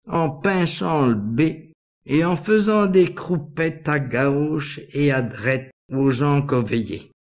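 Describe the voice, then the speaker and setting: A man with a Norman patois accent telling a comic folk monologue in a rustic, wry peasant voice. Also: on the high side. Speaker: folk storyteller.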